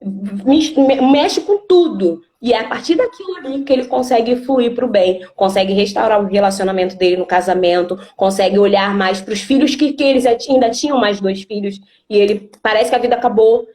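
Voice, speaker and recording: A woman guest therapist, calmly explaining ideas in a casual conversation. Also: medium pitch, moderate pace.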